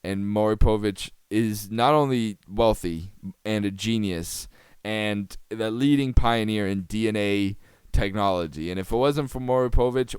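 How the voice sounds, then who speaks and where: A man's voice: lowish voice, smooth, dry recording, clean studio sound. A man hosting a podcast, giving sarcastic, rambling comedic commentary on a TV clip and laughing often. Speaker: podcast host.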